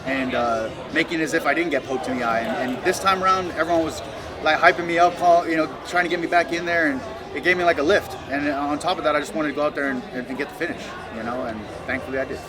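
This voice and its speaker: A man with a slightly high voice talks like a confident fighter after a bout. His speech is casual and slangy, halting and restarting as he goes. A busy crowd chatters clearly behind him. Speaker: professional fighter, interviewee. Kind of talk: casual post-fight interview. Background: busy crowd talking nearby.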